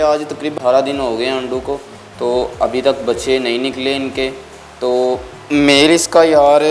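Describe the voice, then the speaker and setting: A chatty man speaks casually to his viewers while he tends his birds, and now and then he coaxes them in a friendly voice. His pitch sits in the middle range. Soft music plays faintly behind him, and the sound comes from a phone camera held in his hand. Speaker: bird-keeping vlogger. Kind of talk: casual vlog chat. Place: at home, among bird cages.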